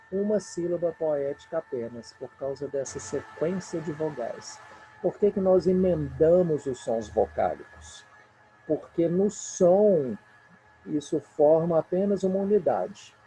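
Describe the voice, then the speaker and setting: A man's voice: on the high side, a little slow, warm tone, a little hiss or hum, rough recording. A man with a Brazilian Portuguese accent teaching a recorded remote lesson, patiently counting poetic syllables aloud.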